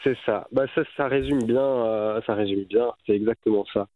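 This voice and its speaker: A filmmaker in his thirties with a Swiss French accent is a guest in a radio interview conducted by phone. He speaks reflectively with many fillers, in a fairly low voice at normal speed, with no echo.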